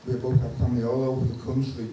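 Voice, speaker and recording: A man in the audience speaks haltingly, hesitating and chuckling through his comment. His voice rings through a very echoey hall from a distance, over steady noise. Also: mid-range voice. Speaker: audience member asking a question. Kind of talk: audience question.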